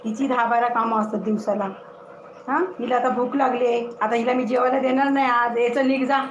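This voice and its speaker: A woman's voice: on the high side, steady tone, a little fast, dull audio. A woman chatting at home in a casual vlog, coaxing and scolding her pets. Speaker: home vlogger. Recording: echoey room with loud background noise.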